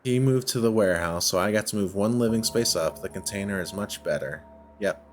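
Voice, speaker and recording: This man's pitch is on the low side and his delivery a little fast. He muses aloud through casual let's play commentary, often questioning his own choices, with music playing in the background.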